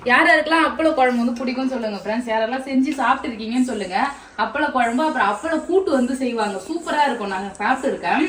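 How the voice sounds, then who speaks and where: Fast, fairly high-voiced woman, cooking vlogger talking viewers through lunch in a roomy kitchen. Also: expressive, a bit bright, slight background noise. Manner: chatty, addresses viewers as friends. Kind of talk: casual cooking walkthrough. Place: home kitchen.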